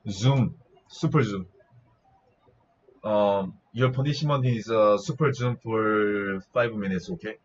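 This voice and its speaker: A young man with a Korean accent hosting a live animal sound guessing game, teasing his viewers, laughing a lot and imitating animal calls. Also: medium pitch. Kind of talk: playful live chat with viewers. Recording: slightly dull lo-fi stream audio with faint noise.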